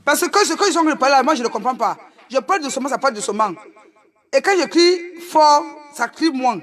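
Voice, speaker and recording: A woman doing joking live-stream banter on a phone, loud and laughing, often breaking into shouts. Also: sits high, animated, brisk.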